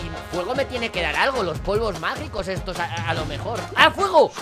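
A woman doing lively, jokey Let's Play commentary on a game, often repeating words in bursts of excitement. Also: fairly low pitch, brisk, music in the background. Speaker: gaming YouTuber.

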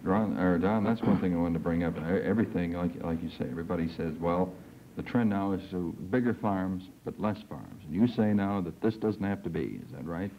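Low-voiced young host with halting questions. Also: male voice, lively intonation, a little hiss or hum. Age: young adult. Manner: hesitant, rambling questions. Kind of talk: TV panel discussion. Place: TV studio. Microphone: desk microphone. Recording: dull 1960s TV film sound.

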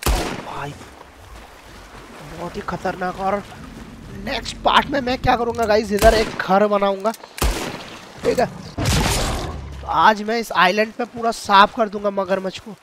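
A man giving excited live commentary over his gameplay, talking to his viewers. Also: high voice, moderate pace, pauses often, noisy background. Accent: Hindi-speaking Indian. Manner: excitable, addresses viewers as guys.

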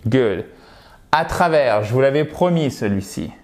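A French-speaking man teaching English pronunciation in an online lesson, lively and coaching, modeling words by repeating them. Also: medium pitch, unhurried.

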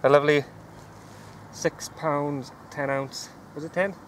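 On a grassy lakeside bank, an angler films his fishing day and chats upbeat with a young boy, his voice a little high, steady in tone, and a little slow. It's casual outdoor commentary caught on a handheld camera, sometimes held at arm's length, so the rough recording carries wind noise.

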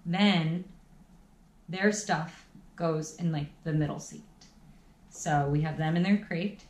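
A young woman travel vlogger chats casually in a small room at home, using lots of "like" as filler. Her voice is low, slow and a little mellow, and the recording has room echo with faint noise.

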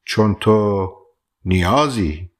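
A man's voice: fairly low pitch, expressive. A man reading an earnest, jealous young foreigner. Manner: earnest, plaintive.

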